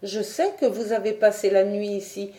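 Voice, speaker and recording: A woman's voice: mid-range voice, little pitch movement, normal speed, mellow, lightly acted. A woman reading a storybook, voicing a proud, mocking ten-year-old noble girl in a slightly raised voice. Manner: mocking, haughty, curt. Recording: roomy echo.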